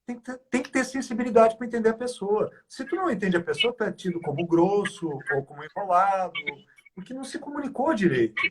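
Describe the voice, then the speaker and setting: A man's voice: sits high, lively intonation, fast, slightly rough. A man speaking as a guest on a live chat, explaining in a didactic way, listing examples and asking rhetorical questions.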